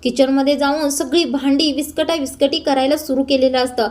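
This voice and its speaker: High-voiced woman recapping a serial. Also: brisk. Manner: steady recap narration with hesitation fillers. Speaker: serial episode narrator. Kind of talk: casual episode retelling.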